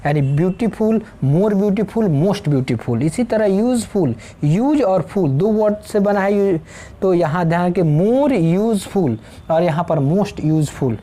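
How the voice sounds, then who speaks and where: A woman teaching an English grammar lesson, explaining slowly, spelling out letters and pausing with fillers. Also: lowish voice, expressive, mellow.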